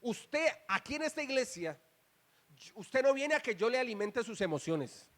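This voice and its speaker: A man's voice: very high-pitched, sing-song, moderate pace, a bit bright. A male pastor preaching a sermon in church, firing rhetorical questions at the congregation and calling on them to repeat after him. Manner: emphatic, calls for response and repetition.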